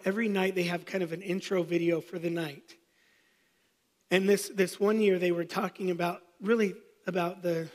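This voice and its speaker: A man's voice: high voice, long reverb tail. A man in his thirties, a pastor preaching, telling a personal story with self-deprecating humor. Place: church sanctuary.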